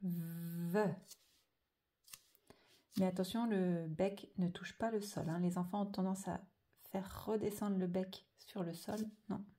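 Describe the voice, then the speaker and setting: A woman teaching a slow handwriting dictation lesson, carefully drawing out each sound and letter. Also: medium pitch, steady tone, dark tone. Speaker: primary school teacher.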